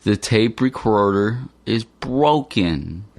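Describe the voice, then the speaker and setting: Low-voiced man reading slowly. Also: expressive, darkish tone, no room sound. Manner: plain, careful delivery. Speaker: dialogue reader for English learners. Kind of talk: slow scripted dialogue reading.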